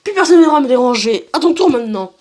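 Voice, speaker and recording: A young man voicing a cold, arrogant male alien tyrant who delivers measured, sneering taunts. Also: very high-pitched, animated, a little mellow. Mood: gloating.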